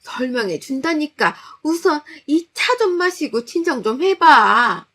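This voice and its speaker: A woman voicing an unsettling young married man who pleads and apologizes in a slow, coaxing way. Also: sits high, sing-song, fairly bright tone, voice pushed up, exaggerated voice. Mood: pleading.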